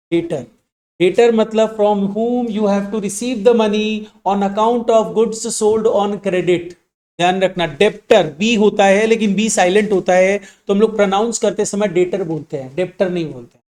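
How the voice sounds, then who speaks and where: A man teaching accounts in a classroom with students, mixing Hindi and English, asking questions and answering them himself, and slowing down to dictate definitions. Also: high-pitched, a little mellow. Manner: slows down to dictate definitions word by word.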